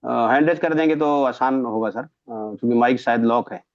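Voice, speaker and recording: A man's voice: medium pitch, moderate pace. A man hosting an online webinar, introducing guests with effusive, ceremonial praise over a video call. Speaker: webinar host. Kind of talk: formal event hosting. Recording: muffled video call audio.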